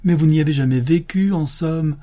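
A man's voice: on the high side, normal speed, mellow, voice pushed up, natural voice. Man reading as a weary, fervent old priest. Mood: fervent grief. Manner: earnest, sorrowful pleading. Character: weary compassionate aging male priest, grave and fervent.

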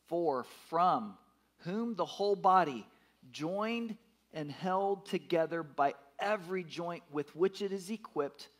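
A man's voice: on the high side, a bit bright. Emphatic man in his fifties preaching. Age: 50s. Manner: emphatic, repeats words, asks the congregation questions. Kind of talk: sermon. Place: church.

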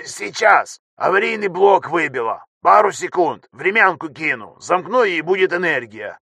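Man doing a frantic ship technician, high-pitched, gravelly, shouted rapid reports, dry close sound. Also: sing-song, no room sound, full character voice. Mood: shouting urgently. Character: young male ship technician on intercom, frantic.

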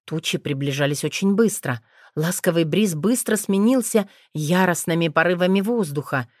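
A woman narrating a first-person audiobook in a steady, expressive storytelling manner. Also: lowish voice, moderate pace, no room sound, clean studio sound.

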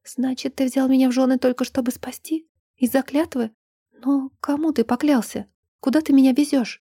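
A woman's voice: a little high, normal speed, dark tone, no room sound, clean studio sound, lightly acted. A woman reading an audiobook, voicing a frightened sixteen-year-old bride in an anxious, pleading and slightly breathless voice. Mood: distressed.

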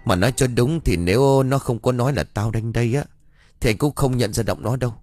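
A man's voice: mid-range voice, brisk, darkish tone, close to an everyday voice. A man voicing a usually fearless village husband who is now uneasy and bewildered, speaking hesitantly in an audio ghost story. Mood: troubled.

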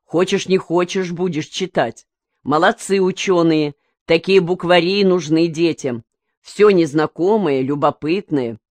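A woman's voice: on the low side, a little slow, darkish tone, no echo, close to an everyday voice. A woman voicing a jovial middle-aged village father who teases the children and is amazed at them. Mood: admiring. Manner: teasing, amazed exclamations.

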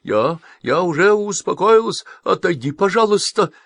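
A shrill, bitter old woman from a storybook, shrieking in hysterics, voiced by a man reading aloud. She sits well above a low male voice and sounds pinched and tearful. The read is dry and close. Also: sing-song, moderate pace, vocal fry, a bit bright, no echo, full character voice. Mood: hysterical. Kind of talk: audiobook character voice.

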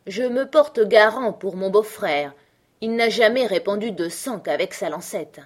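A woman's voice: medium pitch, measured pace. A genial good-natured bailiff, read by a woman. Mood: reassuring. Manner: genial, calm. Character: good-natured middle-aged bailiff, man.

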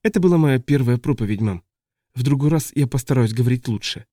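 A man's voice: mid-range voice, animated, fast talker, warm tone, dry recording, studio quality, close to an everyday voice. A man reading an audiobook, voicing an earnest, cheerful young male preacher. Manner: earnest, naive.

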